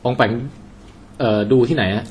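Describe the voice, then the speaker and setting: A man hosting a casual podcast chat, animated and jokey, swearing now and then as he talks about films. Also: normal speed, slight background noise. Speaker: podcast host. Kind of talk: casual chat reviewing a film.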